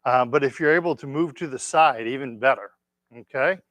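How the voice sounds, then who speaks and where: A man teaching a tai chi class, giving gentle, unhurried step-by-step cues with encouragement. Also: medium pitch, no room sound. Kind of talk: instructing a class through movements, step by step.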